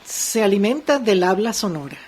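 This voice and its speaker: A woman's voice: mid-range voice, expressive, moderate pace, a crowd in the background. Engaged woman co-host. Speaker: radio show co-host. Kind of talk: radio interview conversation. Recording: faint noise, radio studio.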